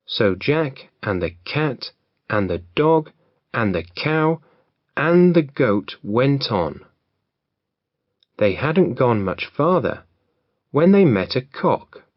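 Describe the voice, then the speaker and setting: Slow, deliberate male storyteller. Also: medium pitch, very animated, dry recording, lo-fi sound. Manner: clear, deliberate. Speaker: reader. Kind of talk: slow reading of a fairy tale for learners.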